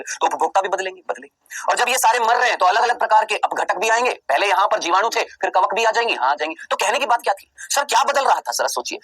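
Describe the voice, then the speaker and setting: A man teaching a biology exam-prep lecture, who asks rhetorical questions and answers them himself, repeats key terms slowly for emphasis, and plays his students' replies. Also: high voice, a bit bright, no echo, poor audio.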